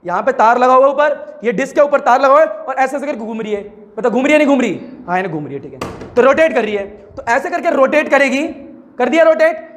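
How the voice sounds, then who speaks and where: Man, physics teacher, very high voice, chatty lecture style, keeps repeating key terms. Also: animated, fast talker. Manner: chatty, repeats key words, prompts students to answer. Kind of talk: classroom lecture dictating notes.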